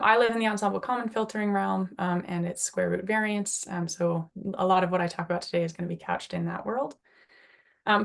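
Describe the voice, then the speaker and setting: A woman with a gritty, slightly hoarse voice that is partly giving out, giving an informal, explanatory scientific presentation. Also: on the low side. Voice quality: gravelly, gritty voice. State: slightly hoarse, losing her voice. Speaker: invited speaker, climate researcher.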